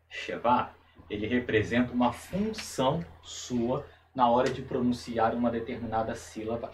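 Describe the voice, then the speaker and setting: A man giving a Hebrew lesson on video, slowly and carefully, repeating each term as he explains it. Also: medium pitch, distant mic, slight background noise, low-quality recording. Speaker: Hebrew teacher.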